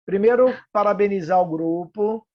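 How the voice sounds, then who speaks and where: A man's voice: sits high, moderate pace. An older Brazilian man, a municipal housing official, chatting at length in an online webinar with a talkative, self-deprecating manner. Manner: talkative, self-deprecating, offers help repeatedly. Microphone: video call. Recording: dull lo-fi video call audio.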